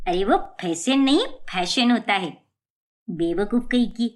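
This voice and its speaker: A woman's voice: medium pitch, expressive, a little slow, darkish tone, lightly acted. A woman doing a scolding proud mother-in-law. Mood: angry. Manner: scolding, angry.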